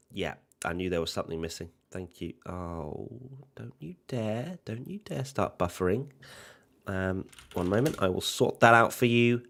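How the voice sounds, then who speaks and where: Lowish-voiced man hosting casual live commentary. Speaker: livestream host and motorsport commentator.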